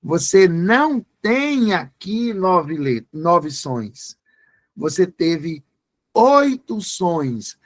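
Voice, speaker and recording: A man's voice: high voice, very animated, drawn-out words. A man teaching an exam-prep grammar lesson, spelling words out letter by letter.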